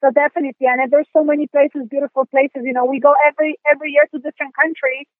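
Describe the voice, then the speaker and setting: Polish woman talking in halting bursts. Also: sits high, little pitch movement, no echo. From Poland. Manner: halting, many restarts and fillers. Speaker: guest, dog sport competitor. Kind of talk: interview conversation. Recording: tinny phone line.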